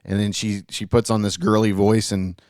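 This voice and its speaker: A man's voice: lowish voice, level tone, normal speed, darkish tone, no room sound, clean studio sound. A man co-hosting a podcast in casual chat, blunt and profane. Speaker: podcast co-host.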